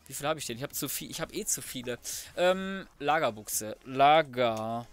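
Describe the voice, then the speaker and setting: A let's player talks through his gameplay in a casual, slangy way, narrating each step as he goes. His voice is mid-range and his pace normal, with faint music in the background.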